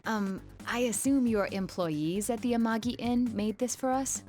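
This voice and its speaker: An actress playing a polite, reserved young detective in a video game. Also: female voice, fairly high pitch, normal speed, mellow, faint music behind, natural voice. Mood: polite unease.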